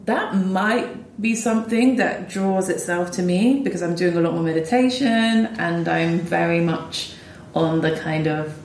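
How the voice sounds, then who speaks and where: A woman's voice: on the low side, measured pace, darkish tone. A woman composer talking thoughtfully in a conversation, with frequent ums and restarts. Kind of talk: reflective conversation. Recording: roomy echo.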